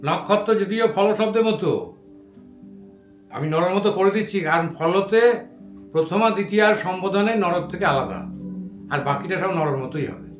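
A man teaching a grammar lesson to students, patiently reciting word forms slowly one by one. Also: sits high, roomy sound, faint music behind. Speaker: Sanskrit teacher.

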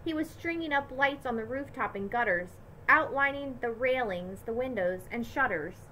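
Bright, expressive woman reading aloud. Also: a little high, moderate pace, a little hiss or hum, poor audio. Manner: lively, expressive storytelling. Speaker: teacher. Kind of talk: reading a picture book aloud to children.

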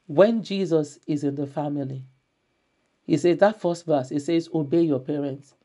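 Lady pastor giving a sermon, mellow warm tone, keeps repeating her main line for emphasis. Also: low-pitched, moderate pace. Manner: repetitive, emphatic preaching with scripture readings. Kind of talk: church sermon.

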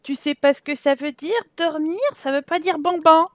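A woman's voice: high voice, steady tone, moderate pace, no echo. A woman from France giving casual let's-play commentary, exasperated and scolding the characters in her game, often laughing. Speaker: gaming YouTuber.

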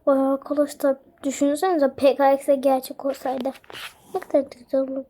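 A young woman casually commenting on a mobile game as she plays, excitable and often crying out in delight. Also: sits high, moderate pace. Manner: excitable, squeals and cries out in delight. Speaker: gaming channel host.

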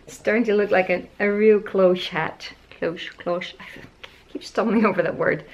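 In a muffled recording, a woman in her thirties speaks at normal speed with a steady, medium-pitched voice. She's a sewing vlogger giving a casual tutorial from her living room, musing out loud and joking about her own abilities.

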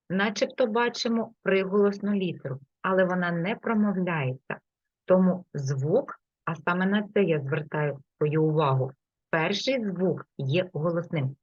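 A patient woman teacher walks a learner through English examples, saying each word slowly and clearly. Her voice sits fairly low. The recording is dull and lo-fi, with a dry sound. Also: no echo. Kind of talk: explaining a lesson to a learner.

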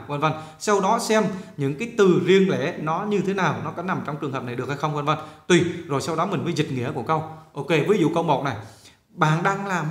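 A male teacher walking through an exam and drilling pronunciation by repeating words slowly. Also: on the high side, reverberant. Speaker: English teacher. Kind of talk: exam walkthrough lesson.

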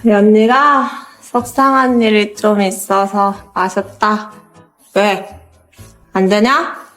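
Audio drama: actress as drunk, heartbroken young woman trying to sound sober, drawn-out delivery, roomy sound with music. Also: mid-range voice, fairly even intonation, a bit bright. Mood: drunk, indignant. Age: young adult.

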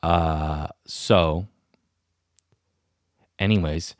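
A young man with a low voice hosts a solo podcast and rambles from thought to thought. He puts himself down and sounds restless. The recording is dry and close to the mic. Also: fairly even intonation, extremely slow, no room sound. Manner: self-deprecating, rambling, restless. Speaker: podcast host. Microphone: studio mic with headphones.

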